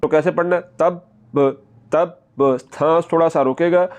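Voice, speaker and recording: A man's voice: on the high side, steady tone, brisk, a little mellow. A male Quran teacher giving a patient, step-by-step recitation lesson, repeating each word several times and drawing out the long sounds.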